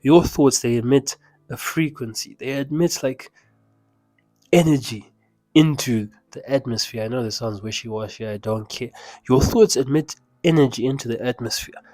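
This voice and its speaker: Warm and mid-range, the young man's voice moves at a normal speed with no room sound and faint music in the background. Speaking with a Zimbabwean accent, this mindset coach gives a casual, emphatic pep talk to camera full of chatty asides.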